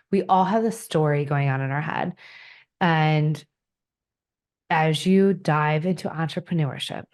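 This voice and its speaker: A woman's voice: low-pitched, a little mellow. A woman accountant answering questions as a podcast guest, speaking in a direct, practical, matter-of-fact way. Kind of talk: casual interview chat.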